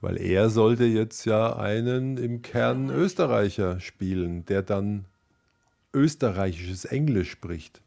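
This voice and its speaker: Gravelly low-voiced radio host. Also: male voice, slow pace, warm tone. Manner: polished, leading questions and scripted links. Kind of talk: radio interview. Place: radio studio.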